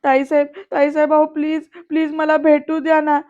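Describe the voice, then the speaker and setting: A woman's voice: high voice, level tone, a little fast, a little mellow, highs cut off, lightly acted. A woman voicing a pleading young woman.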